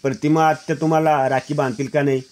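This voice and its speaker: A man voicing a gentle, devoted young daughter-in-law who speaks softly. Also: fairly high pitch, flat delivery, fast talker, lightly acted.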